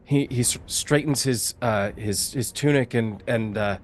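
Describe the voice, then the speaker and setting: A man narrating a tabletop game as game master, speaking haltingly and searching for words. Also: mid-range voice, soft background music. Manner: halting, full of fillers and restarts.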